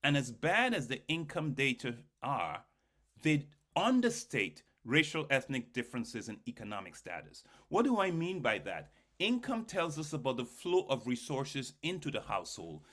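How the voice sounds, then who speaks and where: A man's voice: mid-range voice, huge pitch swings, moderate pace, fairly bright tone. A man giving a keynote lecture to an audience, explaining data emphatically and putting rhetorical questions to his listeners. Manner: addresses listeners directly, emphatic, poses and answers rhetorical questions. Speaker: keynote speaker, academic.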